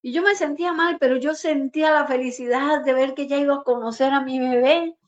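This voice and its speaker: High woman preacher, earnest testimony, muffled lo-fi sound. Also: fairly even intonation, brisk. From Costa Rica. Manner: earnest, acts out quoted dialogue. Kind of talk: emotional personal testimony. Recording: dull lo-fi recording.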